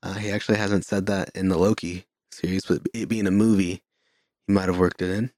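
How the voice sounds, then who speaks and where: A man co-hosting a podcast while a little high, talking in a laid-back, drifting way and swearing casually, recorded inside a small closet. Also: flat delivery, brisk, a little mellow, no room sound, clean studio sound. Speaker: podcast co-host. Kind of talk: casual chat.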